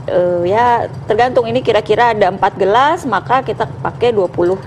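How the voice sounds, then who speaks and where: A woman doctor giving unscripted, somewhat halting explanations as a guest expert on a talk show. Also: medium pitch, darkish tone, a little hiss or hum.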